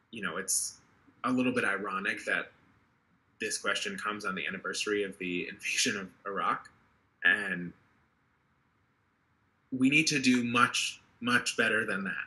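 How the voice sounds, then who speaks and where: A man in his twenties, an earnest political candidate, speaks passionately during an interview over a video call. His fairly low voice has a sharp tone and a moderate pace broken by long pauses, and he often restarts his sentences. The audio quality is poor.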